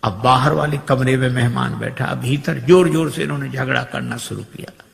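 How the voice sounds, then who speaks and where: A man's voice: medium pitch, normal speed, gravelly. A male preacher telling a devotional story in a sermon, humorous and chuckling, voicing each character. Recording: reverberant hall.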